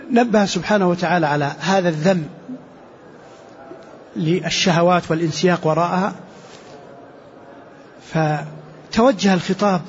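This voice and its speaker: A man teaching Quran commentary in a lesson, explaining slowly, repeating key phrases and asking rhetorical questions. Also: high voice, darkish tone. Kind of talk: classroom commentary on scripture. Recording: dull lo-fi lecture recording.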